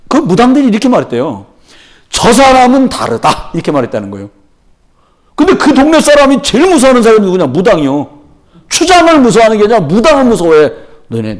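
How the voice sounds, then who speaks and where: A male pastor preaches a sermon in a church. His voice sits high and moves a great deal, lively and expressive. He tells stories, acts out the people he quotes, and swings from quiet asides to ringing calls. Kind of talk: sermon at a prayer meeting. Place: church sanctuary.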